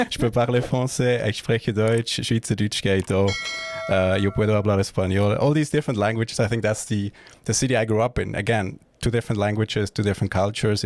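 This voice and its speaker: A man's voice: lowish voice, darkish tone. A man from Switzerland, a podcast guest, explaining in a casual way with stops and restarts. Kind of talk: casual interview talk.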